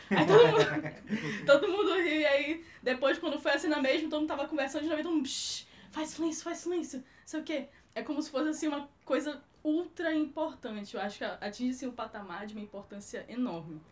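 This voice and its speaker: A Brazilian woman with a high, light voice chats casually on a film podcast. She tells her anecdotes in a lively, animated way. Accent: Brazilian Portuguese. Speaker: co-host film critic.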